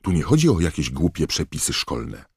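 Clever earnest teen witch girl, a guy reading her, still a low gravelly voice. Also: wildly swooping pitch, moderate pace, darkish tone, dry recording, clean studio sound, exaggerated voice. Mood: anxious. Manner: earnest, anxious, questioning.

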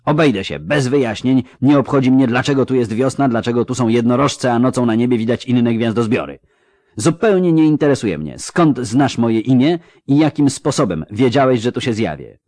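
A man's voice: mid-range voice, animated, moderate pace, darkish tone, no room sound, clean studio sound, lightly acted. A man voicing a proud, angry young woman who protests in heated, indignant outbursts.

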